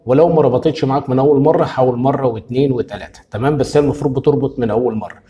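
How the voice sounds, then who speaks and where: A man's voice: medium pitch, rapid-fire, highs cut off. A man with an Egyptian Arabic accent walking viewers through a phone app tutorial, repeating each step and checking in with "okay?" after it. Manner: keeps asking "tamam?" after each step; explains steps patiently and repeats them. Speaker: tech tutorial host. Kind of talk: screen-recorded phone tutorial.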